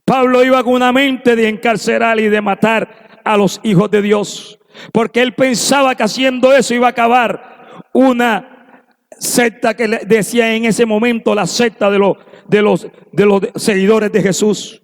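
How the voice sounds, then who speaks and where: Male preacher, fervent sermon delivery, very high pitch, church reverb. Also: steady tone, normal speed. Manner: impassioned preaching, acting out quoted voices. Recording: long echo of a church hall.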